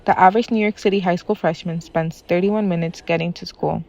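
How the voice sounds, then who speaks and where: Low-voiced teen girl narrating calmly. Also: fairly quick, vocal fry. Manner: calm, reflective. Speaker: student reporter. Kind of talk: scripted personal essay narration. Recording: dull lo-fi audio with faint music.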